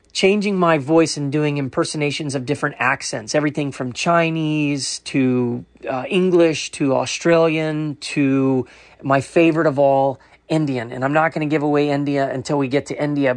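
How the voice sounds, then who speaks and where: A man's voice: on the high side, no room sound. A man preaching in a recorded commentary, earnest and emphatic with a playful side.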